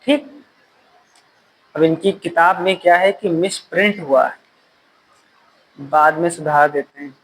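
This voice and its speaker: A male teacher giving a classroom lecture, repeating key phrases slowly so students can write them down. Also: on the high side, fairly bright tone, poor audio.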